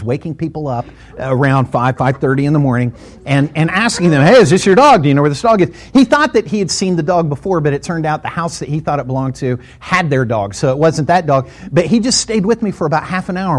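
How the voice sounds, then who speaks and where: Pastor with a high voice, animated rambling storyteller from the pulpit. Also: male voice. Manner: animated, rambling with restarts, acts out his own shouts. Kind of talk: sermon storytelling.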